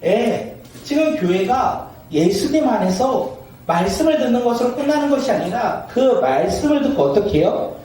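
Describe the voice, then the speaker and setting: A man's voice: very high voice, very animated, moderate pace, warm tone. A man preaching a sermon as pastor, asking his congregation questions and acting out everyday scenes with laughter. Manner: asks the congregation questions and waits for replies. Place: church sanctuary. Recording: echoey church hall from a distance.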